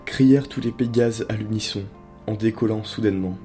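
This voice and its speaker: A man narrating a dark story in a steady, dramatic reading voice. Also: fairly low pitch, brisk, faint music behind.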